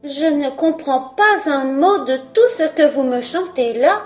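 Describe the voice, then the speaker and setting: A woman's voice: high-pitched, lively intonation, unhurried, soft background music, pitched above the performer's own voice. A woman voicing a proud young fir tree who muses wistfully about his past. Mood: musing. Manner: wistful, self-assured musing.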